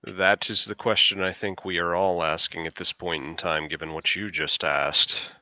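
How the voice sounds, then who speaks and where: A man's voice: deep voice, fairly even intonation, moderate pace, pushed and bright, no echo. A man playing a tabletop game, asking questions in a stop-and-start way. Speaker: player. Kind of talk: casual tabletop play.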